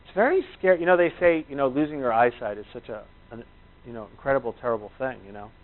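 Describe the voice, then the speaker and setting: A man's voice: medium pitch, expressive, fast talker. A man teaching breathing exercises informally to a class, reassuring and conversational. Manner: reassuring, conversational, checks in with "you know" and "right". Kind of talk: informal spoken instruction to a class. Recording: tinny, narrow phone-like sound.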